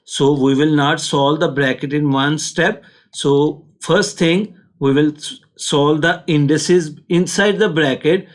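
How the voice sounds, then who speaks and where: Man, Pakistani accent, fairly high pitch, teacher, step-by-step lesson delivery, patient instructional manner. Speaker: maths teacher.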